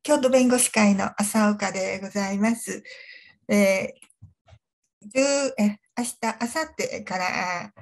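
A woman's voice: medium pitch, fairly even intonation, takes it slowly, creaky. A woman who is a lawyer, opening a lecture over a video call from abroad, polite and hesitant, with fillers. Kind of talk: lecture given remotely.

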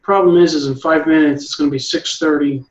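A man's voice: a little high, fairly even intonation, brisk, roomy sound, dull audio. A man leading an art meetup, giving encouraging critique and often restarting his sentences. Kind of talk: art critique, casual coaching.

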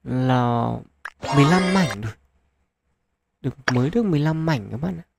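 A man casually commenting on a mobile gacha game as channel host, chatty, thinking aloud with lots of fillers and getting excited at lucky pulls. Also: medium pitch, normal speed, creaky, music in the background.

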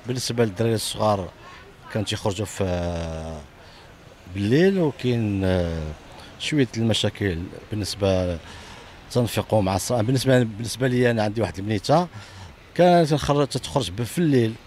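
Fast-talking Moroccan man on a street. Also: lowish voice, lively intonation, darkish tone. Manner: rapid, halting with restarts. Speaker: passerby interviewee. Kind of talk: street interview. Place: city street outdoors. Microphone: handheld reporter mic. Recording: faint street noise.

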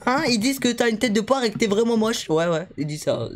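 High-voiced excitable young roleplay streamer. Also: male voice, fast talker, very noisy. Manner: excitable, rambling, lots of fillers and repeats. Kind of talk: live game roleplay chat.

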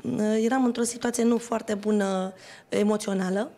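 A woman's voice: medium pitch, steady tone, mellow. A woman singer as a guest on a TV talk show, telling a story with some laughter. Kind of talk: casual interview chat. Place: TV studio.

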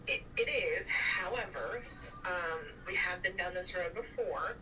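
A woman's voice: fairly low pitch, unhurried, background noise. A woman answering a sales call as a real estate agent, cautious and skeptical. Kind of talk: phone conversation. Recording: distant speakerphone audio.

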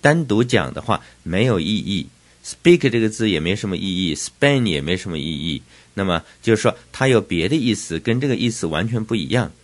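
An older man with a low voice that rises and falls a lot teaches English vocabulary in Chinese. He works through a numbered word list and spells words out letter by letter. He slows down whenever he says an English term. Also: lively intonation.

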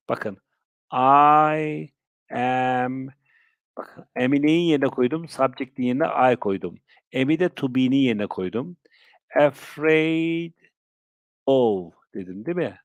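A male teacher with a Turkish accent giving a live-streamed vocabulary lesson, repeating and drilling phrases slowly for his viewers. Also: medium pitch, no room sound. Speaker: English teacher.

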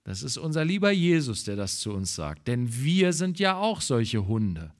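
A man with a German accent preaching a sermon as pastor, slow and deliberate, growing emphatic when he reads scripture aloud. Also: very animated. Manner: emphatic, rises in pitch and volume when reading scripture; slow, deliberate delivery with pauses.

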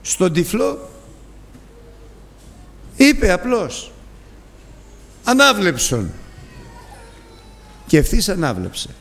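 A man preaching a sermon in a church hall, his voice trailing off into a long reverb. He tells the story with drama, jumping high and dropping low in pitch and loudness. His voice sits at an ordinary middle pitch for a man. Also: lively intonation, pauses often.

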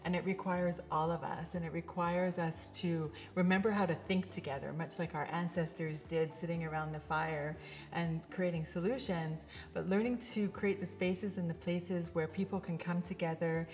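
A woman's voice: lowish voice, steady tone, moderate pace, darkish tone. A middle-aged woman introducing herself to the camera as a facilitator and coach, speaking in an earnest, reflective way from a studio set. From Canada. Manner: earnest and reflective, speaks with open hand gestures. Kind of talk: scripted-sounding personal introduction to camera. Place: bright indoor studio set.

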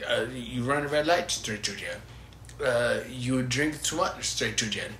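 A man's voice: mid-range voice, unhurried, a bit bright. A man in his thirties co-hosting a podcast, chatting casually, swearing freely and laughing often. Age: 30s. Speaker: podcast co-host. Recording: roomy echo, faint hiss.

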